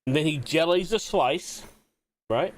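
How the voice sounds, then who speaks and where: Male game streamer, casual chat, teasing and joking, curses freely, voice a touch higher than most men. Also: unhurried. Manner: joking, teasing banter with swearing.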